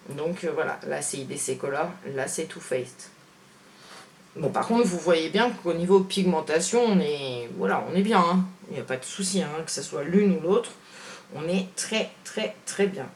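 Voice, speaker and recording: A woman beauty vlogger comparing makeup on camera, chatting frankly with viewers and filling pauses with fillers. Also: on the low side, darkish tone, slight background noise. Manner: chatty, hesitant, full of "voilà" and "hein" fillers; frank, opinionated. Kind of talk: casual product comparison vlog.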